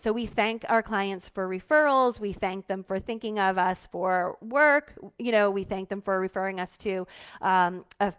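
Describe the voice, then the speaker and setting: A woman's voice: mid-range voice, smooth. A woman hosting a live-streamed coaching talk for business owners, chatty and heartfelt, with many fillers. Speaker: host.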